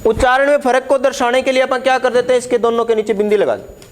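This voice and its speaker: A man's voice: extremely high pitch, rapid-fire, a little hiss or hum. A man teaching Hindi letters at a board, explaining patiently, repeating key words and putting questions to the class.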